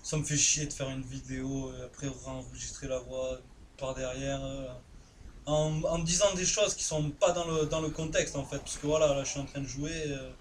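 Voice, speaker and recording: A man's voice: on the high side, slight background noise. A man in his twenties with a southern French accent, talking casually and crudely with lots of fillers while commenting live on a video game. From southern France. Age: 20s. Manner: casual, rambling, crude slang. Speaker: gaming YouTuber.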